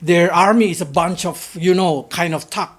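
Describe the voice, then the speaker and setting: A woman preaching a sermon in short, halting phrases and pausing for her interpreter. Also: on the low side, breathy edge.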